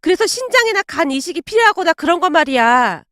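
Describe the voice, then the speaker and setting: A woman voicing a spiteful young woman friend who mocks bluntly, in a lively high voice. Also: brisk, no echo, clean studio sound, heavily acted. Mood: sneering. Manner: sneering, blunt.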